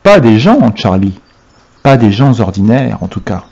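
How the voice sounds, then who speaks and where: A man reading aloud and voicing an old grandfather who speaks in a low, confiding voice. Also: big pitch swings, a little slow, vocal fry, darkish tone, dull audio, exaggerated voice. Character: old grandfather, secretive storyteller.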